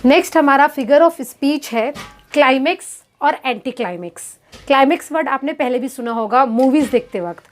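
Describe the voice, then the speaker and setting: Woman, English teacher, high voice; patient explainer who poses her own questions and reads examples slowly. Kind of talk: grammar lesson.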